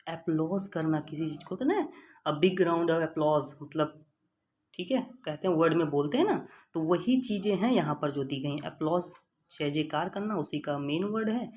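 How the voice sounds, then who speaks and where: A man's voice: a little high, a little hiss or hum. A man teaching an exam-prep vocabulary lesson. He explains patiently, spells words out letter by letter, and keeps checking in with "okay" while calling viewers his friends. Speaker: vocabulary tutor.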